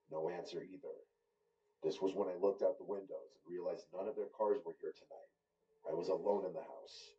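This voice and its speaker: A man reading a true horror story in a steady, grave narration voice. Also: deep voice, distant mic, muffled recording.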